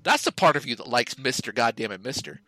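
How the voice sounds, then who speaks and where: A man co-hosting a podcast, talking in a casual, animated rant that is full of swearing. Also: mid-range voice, fast, no echo. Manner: animated, profane ranting. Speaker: podcast co-host.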